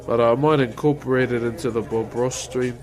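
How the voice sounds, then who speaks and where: A man's voice: medium pitch, steady tone, brisk, darkish tone, faint music behind. A man with a broad New Zealand accent, chatting casually as a live streamer and answering viewers in a colloquial, matey way. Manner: laid-back and colloquial, peppering talk with "bro" and "eh".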